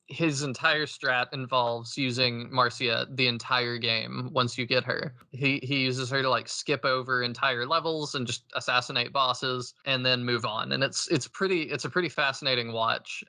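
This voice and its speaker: A man co-hosting a podcast, chatting about video games in a measured way. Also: medium pitch, sharp tone, no echo. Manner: measured, lots of "um" fillers. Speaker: podcast co-host.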